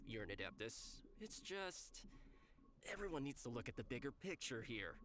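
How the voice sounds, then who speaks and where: A nervous bandit, voiced by an actor, his voice swinging up and down as he tries to placate. He speaks at an ordinary pitch and sounds jittery. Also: big pitch swings, moderate pace, background noise, natural voice. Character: nervous male treasure hoarder. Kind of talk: video game dialogue.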